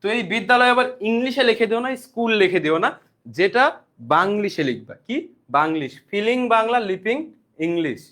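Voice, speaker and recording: A man's voice: high-pitched, lively intonation, brisk, fairly bright tone. A young man runs an online exam-prep lesson. He works through each point step by step, posing rhetorical questions to his students and answering them himself. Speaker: admission-prep tutor.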